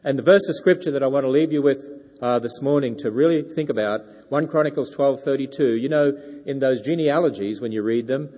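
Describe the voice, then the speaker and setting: Holding a wireless mic, an Australian man preaches as a guest speaker to a congregation in a church sanctuary where the sound reverberates. He speaks fairly quickly with few pauses in a warm, mid-range voice, keeping things folksy with joking asides.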